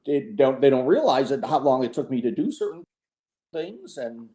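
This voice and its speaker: A man's voice: medium pitch, sing-song, moderate pace, warm tone. A middle-aged man speaking as a podcast guest, frank and a little sarcastic, often restarting his sentences. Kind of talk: candid conversational interview. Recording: echoey room.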